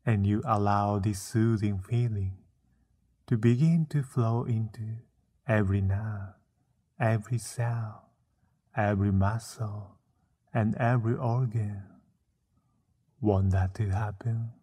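Slow, deep, mellow male meditation guide. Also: steady tone, slightly rough. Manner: soothing, unhurried delivery with frequent pauses.

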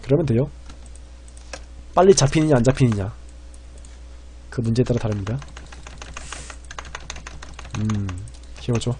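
A man streaming and commentating a game, rambling and excitable, swinging between loud panic and quiet muttering. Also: mid-range voice, a little slow, pauses often, slight background noise.

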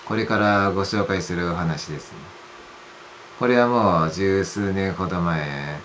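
A man with a low voice narrates a scripted ghost story. His delivery is measured and polite, like reading aloud to a listener. There is a faint noise in the small-room recording. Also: a bit bright. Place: small dark room indoors.

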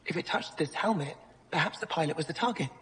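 A woman's voice: sits low, fast talker, a bit bright. A thoughtful female alien who curates a museum in a video game. Her voice rings with long reverb. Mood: explanatory.

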